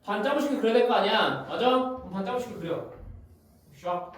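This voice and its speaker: A man's voice: high voice, animated. A man teaching math in a classroom, walking through graphs on the board and checking again and again that students follow. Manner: constantly checks students' understanding, brisk and informal. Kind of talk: classroom lecture. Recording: very echoey room, far from the mic, faint noise.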